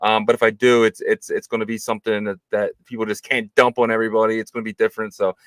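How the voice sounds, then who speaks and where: A man's voice: on the low side, fast talker, no room sound. A man co-hosts a podcast, reading out listener questions in a laid-back, joking way. His voice sounds dry and close, with no room around it. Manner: relaxed, reads audience questions, jokey. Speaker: co-host. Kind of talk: casual podcast chat.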